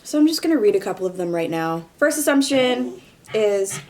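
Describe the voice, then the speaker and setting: A woman chatting casually to camera as she eats, talking with her mouth full in a playful, expressive way. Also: medium pitch, moderate pace. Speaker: vlogger doing a mukbang and Q&A. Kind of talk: casual chat to camera while eating.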